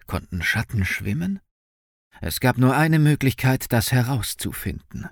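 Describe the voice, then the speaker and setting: A man narrating an audiobook in an expressive, dramatic storytelling manner. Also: mid-range voice, a little slow, vocal fry, no echo, studio quality.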